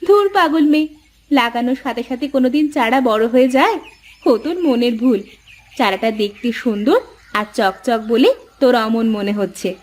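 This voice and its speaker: Woman doing a calm caring mom, highish voice, reassuring. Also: normal speed, lightly acted. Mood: soothing. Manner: soothing, reassuring. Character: caring patient village wife and mother. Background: faint music.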